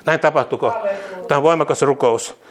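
A man's voice: a little high, a crowd in the background. Fervent Finnish-speaking male preacher. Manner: repeats each line, laughing and exclaiming "tang"; fervent declarations, calmer teaching later. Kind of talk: charismatic sermon and prayer.

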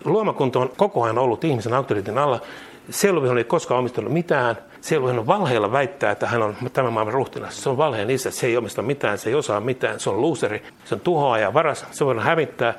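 A man's voice: mid-range voice, lively intonation. A man preaching a sermon, emphatic and fervent, leading his listeners through declarations they repeat line by line. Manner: emphatic, builds to rising fervor.

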